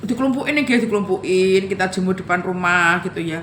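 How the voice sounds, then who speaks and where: A woman's voice: on the low side, fast, a bit bright, reverberant, a little hiss or hum. A middle-aged Javanese woman casually telling her life story to viewers, emotional and chatty, often calling out to her audience. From Java, Indonesia. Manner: conversational, repeats "guys" often, emotional retelling.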